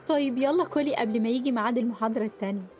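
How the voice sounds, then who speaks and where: A feisty, protective young woman played by an actress in an Egyptian radio drama. Her Egyptian-accented voice is fairly high and she speaks very fast and bluntly. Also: a little mellow, natural voice. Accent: Egyptian Arabic. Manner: blunt, quick-tempered. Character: protective, feisty young female student friend.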